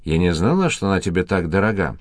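A man's voice: low voice, sing-song, fast, no echo. A man voicing a vain, flighty young female pop star who gushes and takes offense easily. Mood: hurt.

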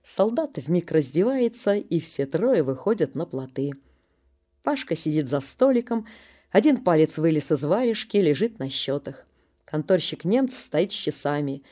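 A woman narrating a literary audiobook with expressive storytelling. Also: low voice, normal speed.

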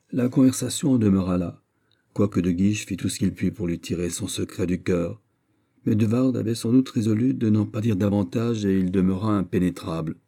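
Dark-voiced male audiobook narrator. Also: sits low, slightly rough. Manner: steady, even storytelling. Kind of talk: scripted narration.

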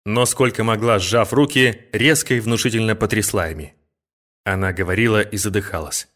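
Low-voiced male audiobook narrator. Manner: measured, expressive reading.

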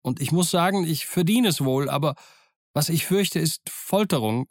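A man's voice: sits high, normal speed, dry recording, studio quality, voice pushed up, lightly acted. A man voicing a frightened, honest teenage boy who pleads earnestly in an audiobook. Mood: pleading. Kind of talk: audiobook character voice.

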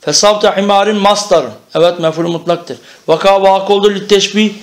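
A man's voice: high-pitched, fairly even intonation, moderate pace. A man teaching an Arabic grammar lesson, explaining step by step and often checking that the class understands.

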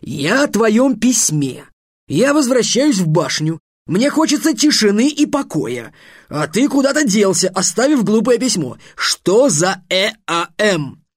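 A man voicing a weary, exasperated wizard who talks loudly and slowly. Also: high-pitched, very animated, no room sound, clean studio sound, voice pushed up, full character voice. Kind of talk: audiobook character voice.

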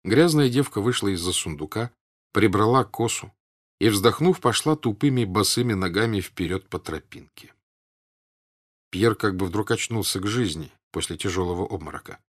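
A man narrating a classic novel in a measured, steady audiobook reading. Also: lowish voice.

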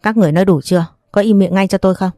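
A woman's voice: mid-range voice, fairly even intonation, very fast, mellow, no room sound, clean studio sound, faint music behind, lightly acted. A woman voicing a stern, protective older man who speaks firmly and scolds his relatives. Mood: angry. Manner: firm, scolding.

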